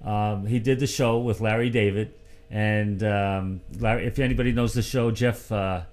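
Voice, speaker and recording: A man's voice: fairly low pitch, fairly even intonation, moderate pace, darkish tone. A man hosting a sports talk show, telling long rambling stories in casual chat. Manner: rambling storyteller, acts out quotes.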